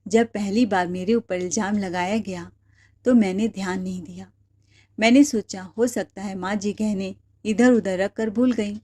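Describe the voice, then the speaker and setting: A woman's voice: mid-range voice, fairly even intonation, moderate pace, a little mellow, close to an everyday voice. Woman voicing a wronged, defiant young wife. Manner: earnest, firm.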